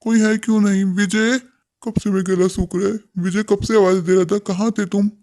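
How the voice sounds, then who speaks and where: A man's voice: high voice, flat delivery, moderate pace, a little mellow. A man voicing an elderly, half-blind father in a cartoon, who keeps calling out plaintively for his son. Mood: pleading. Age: older. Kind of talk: animated cartoon voice acting.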